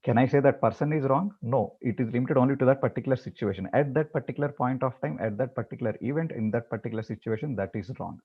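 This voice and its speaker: A man explains ideas to his meditation group before guiding them into practice. He speaks haltingly, repeating words and filling pauses, at an ordinary middle pitch. The recording sounds a little dull and lo-fi. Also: breathy edge. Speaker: meditation teacher. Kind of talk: talk before guided meditation.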